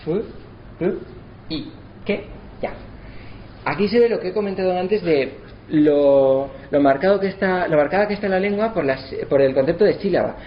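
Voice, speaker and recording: A man giving a lesson, slowing down to sound out words syllable by syllable. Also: high-pitched. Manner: spells out syllables slowly to demonstrate. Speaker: lecturer. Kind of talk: explanatory lesson. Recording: slightly dull, faint background noise.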